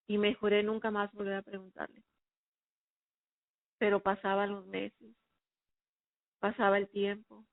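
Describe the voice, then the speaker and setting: A woman with a medium-pitched voice shares a personal faith testimony, recounting her past earnestly and emotionally. The recording is dry with no room sound and has a narrow, phone-like quality.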